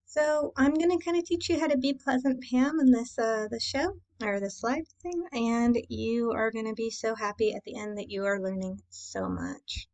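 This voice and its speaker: Woman w a higher voice doing a casual coaching class, chatty, keeps checking in with little questions. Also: moderate pace, few pauses, darkish tone. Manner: chatty and informal, asks rhetorical questions and checks in with "right?". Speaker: dating coach and class host. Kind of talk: casual instructional presentation to camera.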